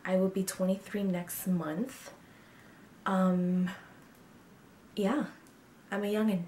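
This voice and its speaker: With a steady, dark tone at medium pitch, the twenty-two-year-old talks slowly and frankly about herself in a casual get-to-know-me video, using lots of ums and likes. This beauty vlogger's small indoor bedroom sounds reverberant, with slight background noise.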